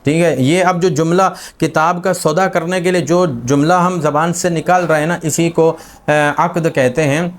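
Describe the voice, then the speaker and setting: A man's voice: a little high, steady tone. A man teaching a grammar lesson, explaining patiently with many examples and fillers. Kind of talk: spoken lesson on Arabic grammar.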